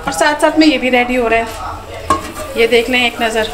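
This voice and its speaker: Cooking at home and sharing a recipe, a woman narrates her vlog in a relaxed way to viewers, mixing in some English words. Her pitch is fairly high and she speaks at normal speed. The kitchen recording is echoey, with household sounds clearly audible.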